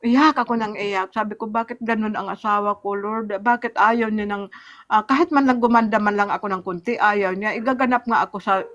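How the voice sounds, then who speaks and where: A woman telling her personal faith testimony in conversation, earnest and halting, acting out remembered dialogue. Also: medium pitch, steady tone, fairly bright tone, muffled recording. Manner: earnest storytelling, often pauses and restarts; replays remembered dialogue in a raised voice. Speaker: church member giving testimony.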